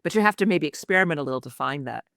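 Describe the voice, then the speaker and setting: A woman's voice: low voice, animated, racing, gravelly, fairly bright tone, dry recording, studio quality. A woman who is an executive communication coach speaks expressively and emphatically in a podcast interview, with the practiced delivery of a trained actress.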